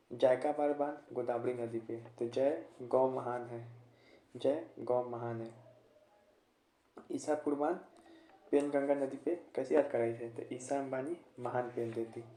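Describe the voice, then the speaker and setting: A man's voice: medium pitch, dark tone, roomy sound. A man teaching an exam-prep general knowledge lesson, repeating memory tricks and quizzing with rhetorical questions.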